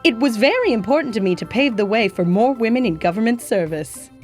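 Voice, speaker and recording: A woman's voice: fairly high pitch, lively intonation, fairly quick, a little mellow, soft background music, natural voice. A woman playing a gracious historical nurse who tells her life story in a genteel way, calling her listener "my dear". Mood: earnest. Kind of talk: scripted educational acting.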